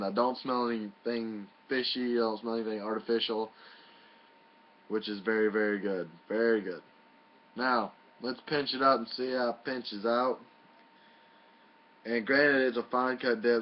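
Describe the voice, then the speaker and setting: A man's voice: medium pitch, fairly even intonation, normal speed. A man giving a casual, folksy and mildly profane review in a home video. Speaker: product reviewer. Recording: muffled lo-fi home video audio.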